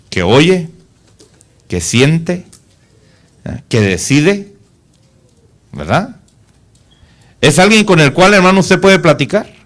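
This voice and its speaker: A male pastor preaching a sermon, asking the congregation rhetorical questions and dropping to a soft, low voice for solemn points.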